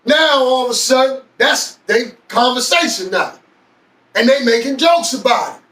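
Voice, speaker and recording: A man telling a personal story in a slow, deliberate way with long pauses. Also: very high voice, lively intonation, pushed and bright. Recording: echoey room, far from mic.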